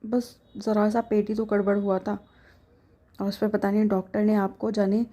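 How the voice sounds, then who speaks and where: A woman's voice: mid-range voice, flat delivery, warm tone, natural voice. A woman storyteller voicing a feisty young wife who insists she is fine. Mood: sulky. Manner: insistent, brisk.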